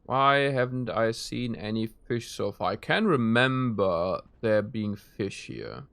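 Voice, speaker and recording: Slow and lively in intonation, this man's voice sits on the low side, creaky yet a bit bright, with a clean tone and no room sound. A native German speaker, he's streaming a game, musing aloud in a rambling way and replying to chat as he plays in casual live-stream talk.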